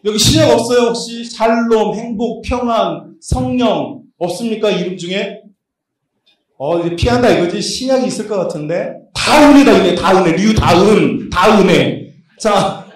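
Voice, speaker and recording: Animated pastor preaching in an echoey hall. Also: male voice, high voice, normal speed, far from the mic. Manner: animated, joking, quizzing the congregation; moves around while preaching. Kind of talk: lively sermon at a youth retreat. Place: large church hall.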